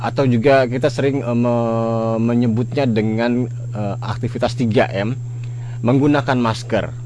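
A man presenting a live radio news bulletin in a halting, hesitant way. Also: mid-range voice, steady tone, darkish tone. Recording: radio broadcast with clear hum noise.

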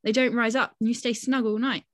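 A woman's voice: a little high, fairly even intonation, a little fast, no echo. An enthusiastic young woman in her twenties who rambles happily through casual podcast chat, restarting her sentences and filling them with "like." The recording is close and dry. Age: 20s. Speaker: podcast co-host.

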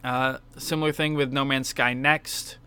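A man co-hosting a casual video game podcast. His voice is bright and crisp, with a clean, smooth sound. He talks frankly and with enthusiasm, and swears freely in the middle of his opinions. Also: mid-range voice, little pitch movement, unhurried. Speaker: podcast co-host. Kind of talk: casual game-awards discussion.

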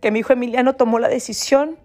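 A woman's voice: on the high side, steady tone, fast, darkish tone, faint music behind. A middle-aged woman gives parenting advice in casual talk and reads passages from a book, earnestly addressing listeners and often checking in with "¿sí?". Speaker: mother giving parenting advice.

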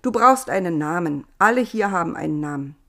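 A woman voicing an earnest, gentle young man in a storybook reading, a bit lower than her own voice. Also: animated, fairly quick, creaky, exaggerated voice. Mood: firm.

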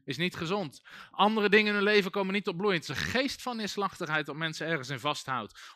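Male preacher, high voice, bright tone, dry close sound, chatty sermon with restarts. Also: no echo. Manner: conversational, many asides and restarts.

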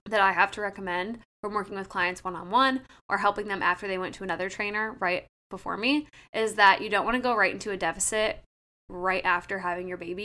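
A woman's voice: medium pitch, sharp tone. A woman in her late twenties co-hosting a casual podcast as a trainer, chatty and full of "like". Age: 20s. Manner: chatty, fills talk with "like". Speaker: podcast co-host and personal trainer.

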